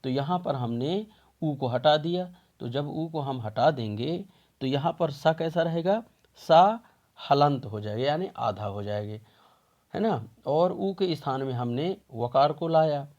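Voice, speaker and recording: A man's voice: a little high, lively intonation, measured pace, darkish tone, dull audio. A man teaching a Sanskrit grammar lesson step by step, patiently asking questions and answering them himself.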